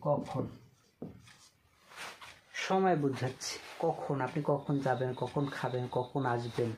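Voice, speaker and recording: A man's voice: medium pitch, slow, darkish tone, a little hiss or hum. A man with a Bengali accent teaching English, saying each sentence word by word, then repeating and translating it. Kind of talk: slow dictation-style language lesson.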